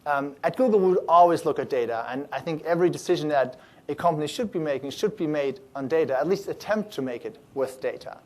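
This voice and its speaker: Animated man giving a conference talk. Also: a little high, fast talker. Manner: many fillers and restarts, animated and upbeat. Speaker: startup accelerator founder giving a talk.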